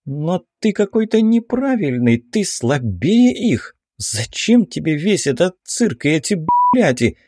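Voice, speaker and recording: A man's voice: sits high, big pitch swings, measured pace, few pauses, darkish tone, dry recording, studio quality, voice pushed up, heavily acted. A man voicing a sly, snarling five-hundred-year-old demon woman in an audiobook, with a mocking, defiant delivery. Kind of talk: audiobook character voice.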